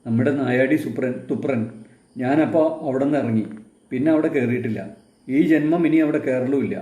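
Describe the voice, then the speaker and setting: A man's voice: medium pitch, moderate pace, mellow, close to an everyday voice. A man voicing a stern, proud older grandfather with a curt, scornful manner, in a roomy-sounding room. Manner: curt, scornful storyteller's reading. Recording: roomy echo.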